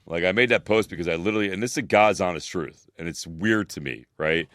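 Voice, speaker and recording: Deep-voiced man in his 40s, emphatic and preachy, lots of swearing, low pitch, dry close sound. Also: quick pace, fairly bright tone, no echo. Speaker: podcast co-host. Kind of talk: casual chat.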